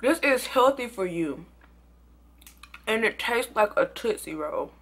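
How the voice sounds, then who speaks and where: A young woman reviewing products in a casual, excitable vlog, sometimes talking with food in her mouth. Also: a little high, unhurried. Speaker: beauty and product vlogger.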